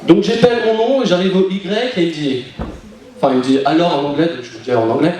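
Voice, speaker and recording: A young man from France performing stand-up comedy, chatty and animated, now and then putting on character voices. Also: fairly high pitch, quick pace, slight background noise. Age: young adult. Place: live comedy venue, audience. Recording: echoey hall, far mic, crowd laughing.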